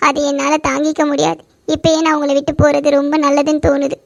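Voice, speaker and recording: A woman's voice: high voice, monotone, fast, gravelly, loud music behind the voice. A woman voicing a proud, stubborn young college girl in a cartoon love story, snapping back huffily. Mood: sad. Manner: huffy, snappy retorts. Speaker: heroine.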